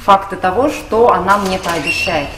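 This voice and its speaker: A woman's voice: on the low side, normal speed, a crowd in the background. A woman giving an indignant eyewitness account as a complainant during a confrontation. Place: indoors, government office. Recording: echoey room with people around.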